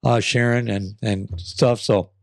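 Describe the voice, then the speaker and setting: A man hosting and reading listener-submitted stories casually and earnestly, his voice raspy as he gets over an illness. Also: on the low side, steady tone, takes it slowly, a little mellow, dry recording, clean studio sound. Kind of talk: casual storytelling, reading letters aloud.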